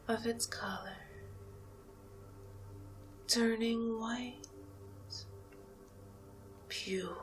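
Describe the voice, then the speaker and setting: In a mid-range voice, a woman whispers an ASMR hypnosis roleplay as a haughty, mesmerizing alien cow. Her delivery is breathy and drawn-out, with long pauses.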